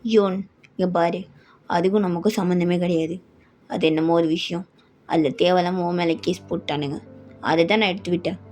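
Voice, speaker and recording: A woman's voice: on the low side, steady tone, a little fast, pauses often, darkish tone, soft background music, lightly acted. A woman voicing an evasive, dismissive middle-aged father. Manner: dismissive, firm.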